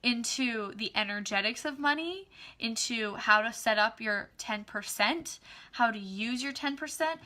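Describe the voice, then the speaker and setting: A woman talking casually on a live video, excitedly promoting her book club and class, with many fillers. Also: on the high side. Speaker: online class facilitator.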